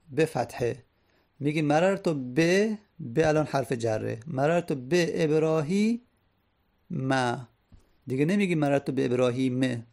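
Gravelly-voiced man teaching grammar. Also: mid-range voice, mellow. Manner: patient, repeats each point slowly. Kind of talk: Arabic grammar lesson.

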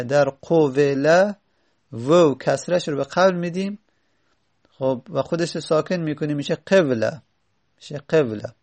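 Male teacher with a gravelly, somewhat high voice, reading a text and then patiently explaining it. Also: darkish tone. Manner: reads an Arabic text aloud, then explains it slowly with many pauses and fillers. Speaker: Arabic grammar teacher. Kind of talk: classroom lesson explaining Arabic morphology.

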